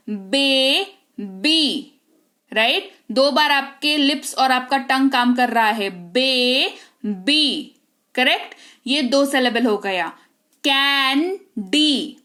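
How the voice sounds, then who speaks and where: A woman's voice: high-pitched, a bit bright. A woman teaching English spelling rules, spelling words out letter by letter and checking in with the class through frequent rhetorical questions. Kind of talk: spoken English lesson in Hindi.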